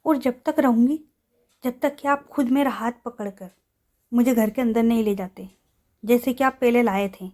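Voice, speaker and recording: A woman reading a determined young woman in a storybook audio drama, earnest and insistent. Her voice is soft and warm, set fairly high. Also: normal speed, close to an everyday voice.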